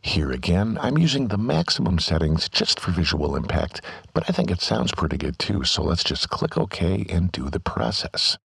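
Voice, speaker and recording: Man, software tutorial voice-over, step-by-step, lively pitch, gravelly. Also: normal speed, few pauses, no room sound, studio quality. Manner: calm, step-by-step instructional delivery.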